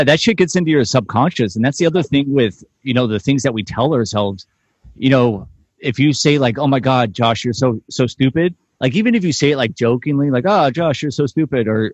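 A man's voice: mid-range voice, dry recording, dull audio. A man co-hosting a podcast, giving emphatic advice in casual chat. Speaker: podcast co-host.

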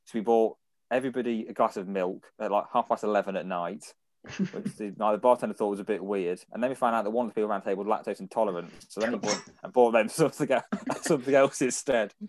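A man's voice: fairly low pitch, fast, no echo. Chatty young British man telling stories. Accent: British English. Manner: rambling storyteller who laughs often. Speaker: podcast co-host. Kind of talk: casual chat.

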